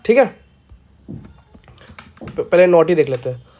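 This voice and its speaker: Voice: mid-range voice, big pitch swings, a little slow, dull audio, soft background music. A programming teacher giving a casual screencast lesson, playful and often checking that listeners follow along.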